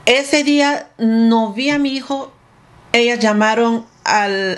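A woman speaks straight to her viewers in a casual story time vlog, her voice set at an ordinary middle pitch for a woman. She retells events in an emotional, somewhat breathless way, circling back and repeating her phrases as she goes. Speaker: vlogger telling her own story.

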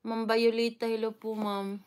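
A woman's voice: fairly high pitch, little pitch movement, unhurried. A Filipino woman from the Philippines chatting casually on a live stream, greeting viewers one by one with frequent fillers and laughs.

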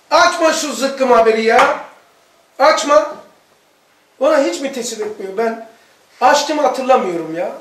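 A middle-aged man, a religious teacher, giving a sermon and telling stories that he acts out in dialogue. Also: very high voice. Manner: animated storytelling, acts out dialogue. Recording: echoey room, voice from far off.

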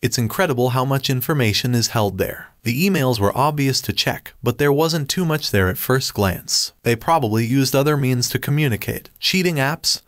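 A man reads a first-person story aloud in a steady, scripted narration, dropping in the odd dry aside. His voice sits at a middle pitch. The recording is close and dry, with no room sound. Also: moderate pace, hardly any pauses, dry recording.

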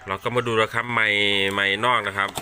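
A man giving a casual hands-on unboxing demonstration, speaking haltingly and repeating words as he handles items. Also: fairly low pitch, little pitch movement, over music. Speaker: unboxing presenter.

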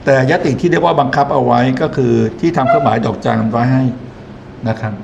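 A man's voice: mid-range voice, fast talker, vocal fry, darkish tone, a little hiss or hum. A man lecturing in an explanatory way, often posing questions to his listeners and then answering them himself. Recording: echoey room, faint ambience.

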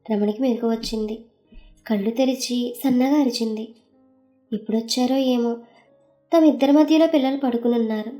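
A woman narrating a story in a slow, lingering, expressive way. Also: sits high.

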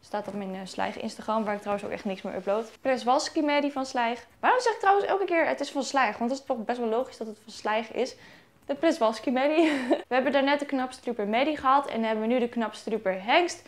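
A woman's voice: fairly high pitch, brisk. A young woman vlogger chatting casually as she unboxes toy horses at home, correcting herself and giggling now and then. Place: at home in sunlight.

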